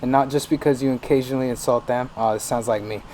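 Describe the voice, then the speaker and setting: A man's voice: medium pitch, fairly even intonation, quick pace, a little mellow, slight background noise. Profane ranting gamer man. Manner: profane, ranting, laughing asides. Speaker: gaming streamer. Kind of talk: casual let's-play commentary.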